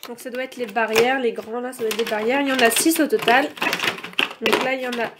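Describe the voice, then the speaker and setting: A woman's voice: on the high side, fairly even intonation, brisk, heavy background noise. A woman casually reviewing toys as she unboxes them, filled with "donc" and "euh", recorded on a phone held in one hand. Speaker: toy reviewer.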